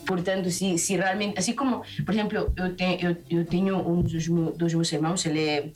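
Peruvian woman chef, Spanish-accented, talkative and lively, lowish voice, a little distant from the mic. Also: fairly quick. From Peru. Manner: lively, talkative, restarts often. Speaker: chef, interview guest. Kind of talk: casual interview chat.

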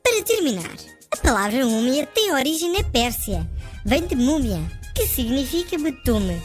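A woman's voice: sits high, very animated, moderate pace, soft background music. A woman voicing a friendly little know-it-all who explains things to children in scripted narration. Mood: friendly, instructive. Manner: clear explaining, greets young listeners.

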